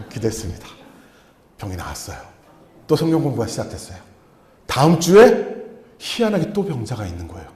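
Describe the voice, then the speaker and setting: Animated male missionary preaching. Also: sits high, roomy sound. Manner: animated, acts out dialogue in changing voices. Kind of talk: sermon with personal storytelling. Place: church sanctuary.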